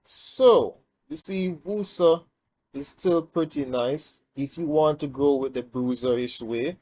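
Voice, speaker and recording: Slow-talking man narrating his game. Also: mid-range voice. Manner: chatty, thinks aloud, gets excited at big plays. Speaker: game guide host. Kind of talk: casual gameplay commentary.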